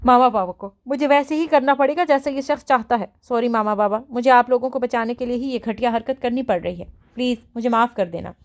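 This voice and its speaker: A woman's voice: on the high side, hardly any pauses, close to an everyday voice. A woman voicing a scared but defiant young woman. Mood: pleading. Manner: pleading and sharp-tongued, tearful. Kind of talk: audiobook character voice.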